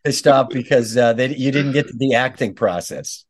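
Relaxed man hosting a casual chat. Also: mid-range voice, moderate pace. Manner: conversational, relaxed, joins in with jokes. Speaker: podcast host.

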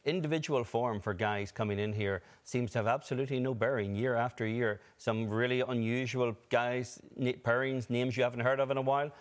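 A man giving golf commentary and analysis as a co-commentator, in a measured, analytical way. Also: mid-range voice, fairly even intonation.

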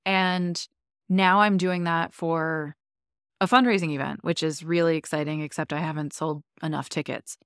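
Brief: young woman podcast host, lilt, chatty and upbeat, lowish voice, dry close sound. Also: fairly even intonation, normal speed, a bit bright, clear, resonant tone, dry recording. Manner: chatty and enthusiastic, many likes. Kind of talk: casual chat.

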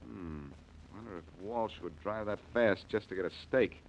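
An actor in an old radio show playing a sharp, confident amateur detective. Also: male voice, on the low side, moderate pace, muffled recording, natural voice. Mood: brisk, curious. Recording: old radio recording with faint noise.

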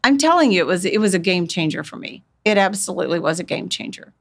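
A woman telling stories as a podcast guest, expressive and folksy, often acting out what people said. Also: fairly low pitch, fast, gravelly. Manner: folksy, expressive, uses quoted dialogue. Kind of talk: animated conversational storytelling.

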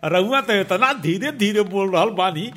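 A man's voice: high voice, lively intonation, unhurried, a bit bright, exaggerated voice. A man voicing a peevish, scolding village wife. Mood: cross. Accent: Bhojpuri. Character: irritable fussy village wife.

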